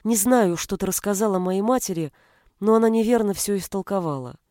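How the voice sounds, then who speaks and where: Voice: medium pitch, brisk, dark tone, no echo, studio quality, natural voice. A reader voicing a proud, hurt young peasant woman who speaks indignantly and coldly, in an audiobook. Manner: indignant, cold. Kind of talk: audiobook character reading.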